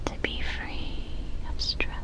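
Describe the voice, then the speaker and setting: A woman whispering soft, soothing ASMR affirmations close to the ear, ear to ear, with long pauses. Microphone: close ear-to-ear stereo microphone.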